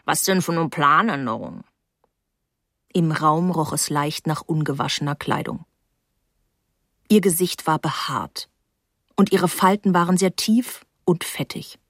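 A woman narrates an audiobook in a measured, even way, slow and a little low. The recording is dry and close. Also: no room sound.

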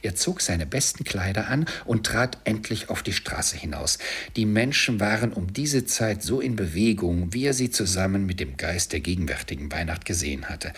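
A man's voice: low-pitched, slightly rough. A man reading an audiobook story dramatically, sometimes dropping to a whisper. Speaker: audiobook narrator. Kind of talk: expressive storybook narration.

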